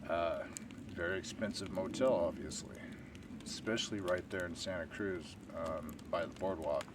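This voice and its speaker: A man telling a long story to camera in a rambling, unhurried way, full of fillers. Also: low-pitched. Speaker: stealth camping vlogger. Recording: distant outdoor camera audio with faint ambient noise.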